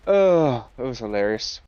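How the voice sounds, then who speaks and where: Man, game streamer, smooth clear voice, rambling casual chat, dry slightly dull mic. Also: mid-range voice, darkish tone, no room sound. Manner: rambling, many fillers, chuckling asides. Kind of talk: casual live-stream chat while playing.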